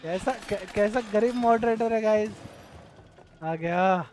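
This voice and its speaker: A man's voice: sits high, takes it slowly, darkish tone. A man streaming a co-op game, giving bossy, urgent instructions to his partner and teasing his chat. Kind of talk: casual live-stream gaming chat.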